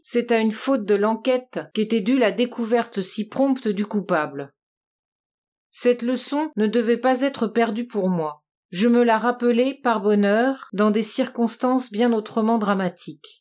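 A woman reading a classic novel aloud as an audiobook, with measured, clear storytelling. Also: a little high, darkish tone. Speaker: audiobook reader.

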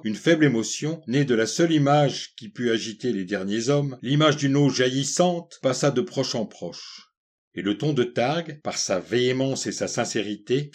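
A man reading a literary story aloud in a measured, deliberate narration. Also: mid-range voice, a little mellow. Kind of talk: scripted audiobook narration.

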